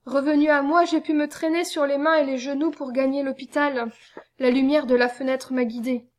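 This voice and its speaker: A woman voicing a dying young male soldier, gentle and devout, speaking faintly. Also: sits high, fairly even intonation, natural voice. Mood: weak. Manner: faint, fading, slowing speech.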